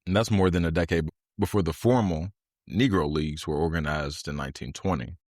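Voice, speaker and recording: A man co-hosting a podcast, telling a history story in a relaxed, casual way with lots of fillers. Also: sits low, brisk, dry recording, studio quality. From Louisville, Kentucky area. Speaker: podcast co-host. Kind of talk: casual chat.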